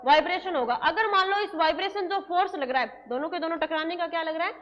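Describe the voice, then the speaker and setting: A nursing exam coaching teacher with a high voice lectures in class, drilling students with repeated questions and answers and slowing right down to dictate English terms word by word. The audio has its highs cut off.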